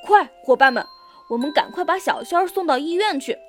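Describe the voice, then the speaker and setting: A woman's voice: high voice, expressive, fairly quick, soft background music. A woman voicing a brave, caring little hedgehog leader in a children's audio story, speaking earnestly and urgently.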